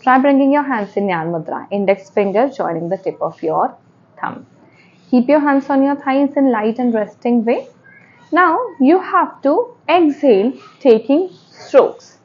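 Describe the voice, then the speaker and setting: A woman with an Indian accent and a high, expressive voice gives step-by-step yoga instruction at a moderate pace, repeating and rephrasing key points as she goes. The recording sounds muffled.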